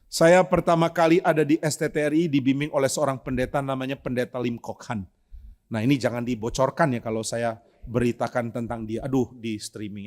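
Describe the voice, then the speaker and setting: Lively storytelling male pastor preaching. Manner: lively storytelling with humorous asides; acts out quoted voices with sudden pitch jumps. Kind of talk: expository sermon. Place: church sanctuary.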